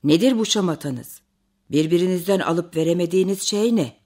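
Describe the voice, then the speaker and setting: A woman voicing a big, kindly male bear who settles an argument as judge, speaking slowly and deeply. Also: darkish tone, close to an everyday voice. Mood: puzzled.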